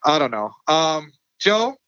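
A man's voice: a little high, very animated, slow, bright, forceful tone, clean tone, dry recording, dull audio. A man co-hosting a podcast, talking through a movie casually with lots of fillers and restarts. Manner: rambling, many fillers and restarts. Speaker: podcast co-host.

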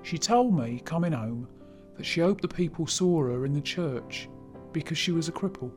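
Weary, motherly voice put on by a male narrator, raised high, soft music under it. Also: animated, moderate pace, natural voice. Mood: tender. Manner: gentle, motherly and careful. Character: weary, kindly poor mother. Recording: background music.

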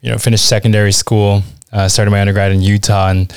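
Low smooth-voiced American man. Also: fast, no echo, clean studio sound. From Washington, D.C. area, USA. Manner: relaxed, chatty, frequent ums and uhs. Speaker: guest, e-commerce manager. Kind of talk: casual interview chat.

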